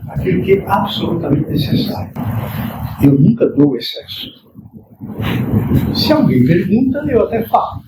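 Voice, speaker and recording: Guy teaching greek in class, chill and reassuring, lots of "tá?" tags, far from the mic in a roomy hall. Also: a little high. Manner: patient, reassuring, with many fillers and tag questions. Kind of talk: classroom lecture. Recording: echoey classroom recorded from far off, loud noise.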